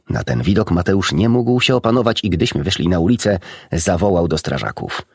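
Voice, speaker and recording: A man narrating a children's storybook in a steady, even-paced reading. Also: low-pitched, gravelly, husky, no room sound, clean studio sound. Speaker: audiobook narrator.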